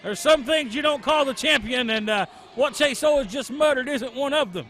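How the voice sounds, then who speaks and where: A man calls a wrestling match as an excited play-by-play commentator. His voice is extremely high and sharp. He throws out dramatic exclamations and questions over a faint crowd. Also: moderate pace. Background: crowd at a wrestling event.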